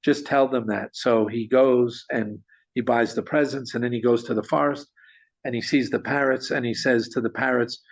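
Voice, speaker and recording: A man telling a story in conversation, animated, with frequent restarts and small chuckles. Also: medium pitch, moderate pace, creaky, breathy edge. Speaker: guest storyteller. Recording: dull lo-fi sound.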